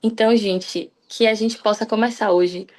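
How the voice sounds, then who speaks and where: A young woman from Salvador, Bahia, Brazil, guest-preaches on a church livestream, sharing a personal devotional openly and restarting her sentences often. She speaks in a mid-range voice with fairly even intonation at normal speed.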